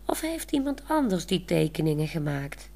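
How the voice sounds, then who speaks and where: A woman's voice: fairly low pitch, very animated, normal speed, a little mellow. A woman voicing a shy, bashful grown man in love who talks hesitantly and stammers, in a storybook reading.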